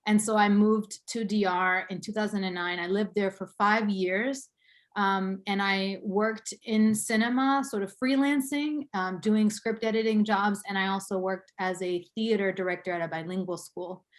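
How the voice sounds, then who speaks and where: In a reflective interview about her life, a woman in her thirties from Boston, USA, speaks at a moderate pace with medium pitch and fairly even intonation. Fillers and little laughs run throughout.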